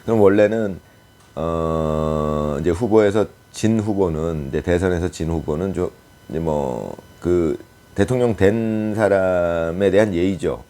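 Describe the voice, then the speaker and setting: A man giving a casual political commentary monologue, speculating aloud and pausing often with hesitant fillers. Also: sits low, mellow.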